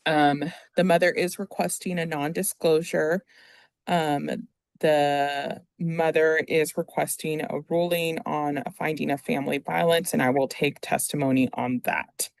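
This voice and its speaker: In a courtroom, an attorney formally reads out requests and questions a witness in a halting, procedural manner. The voice is medium-pitched, steady and creaky, and the recording has no room sound.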